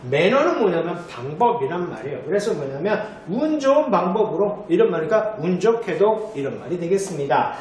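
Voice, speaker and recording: A man teaching English vocabulary to students in a chatty way, often checking in with a quick "right?". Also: high-pitched, very animated, darkish tone. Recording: very echoey room with faint noise.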